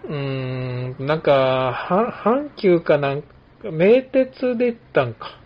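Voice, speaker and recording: A man's voice: fairly high pitch, takes it slowly. Male host from Kumamoto, late 50s, rambling anecdotal chat on dull lo-fi audio. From Kumamoto, Japan. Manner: relaxed storytelling with many fillers. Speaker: podcast host, barber. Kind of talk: casual chat.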